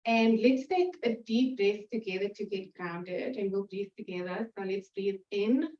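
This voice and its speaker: A South African poet makes warm, chatty, giggly and emotional stage talk to the audience in the event room before her reading. Her mid-range voice keeps a moderate pace. The recording has a little hiss or hum, is echoey and dull, and was captured far from the mic.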